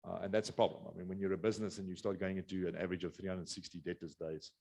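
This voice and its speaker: This business speaker, a middle-aged man with a South African accent, races through a webinar presentation in a low, warm voice with vocal fry and little pitch movement. His talk meanders, packed with fillers and restarts.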